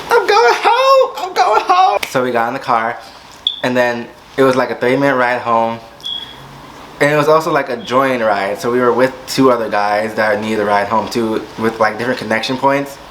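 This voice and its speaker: A young man spins a storytime tale for his vlog, throwing himself into every quoted line and leaping into sudden high squeals. His voice sits at an ordinary middle pitch. A faint hiss lies under the recording. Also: fairly bright tone, poor audio. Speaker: vlogger.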